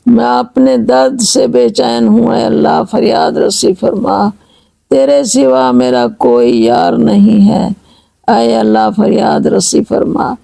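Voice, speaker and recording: Woman, devotional recitation, gravelly voice, mellow tone, slow pleading chant, measured explanation. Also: a little high, no room sound, low-quality recording. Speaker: religious reciter and translator. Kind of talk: devotional recitation with line-by-line translation.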